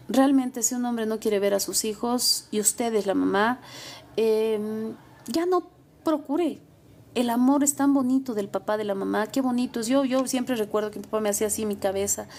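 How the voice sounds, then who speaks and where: Woman, lawyer giving advice, fairly high voice, faint noise behind. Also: darkish tone. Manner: emphatic, repetitive. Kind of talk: advice talk.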